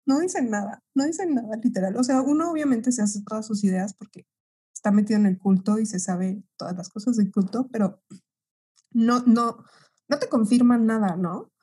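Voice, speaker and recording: A young woman with a Mexican accent telling a story in casual chat, animated and quick to laugh. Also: medium pitch, husky. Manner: animated, acts out quoted voices, laughs often. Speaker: guest.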